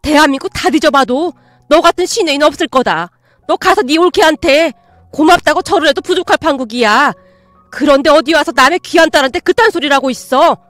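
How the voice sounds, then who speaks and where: A woman's voice: sits high, expressive, a little fast, dry recording, soft background music. A woman playing a furious scolding mother. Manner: scolding, harsh. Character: furious blunt older mother.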